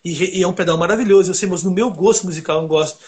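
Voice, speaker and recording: A high-pitched man talks shop in a loose, rambling way. He tells animated stories packed with fillers and asides, like a recording engineer chatting on a podcast. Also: rapid-fire. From Brazil. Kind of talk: casual podcast chat.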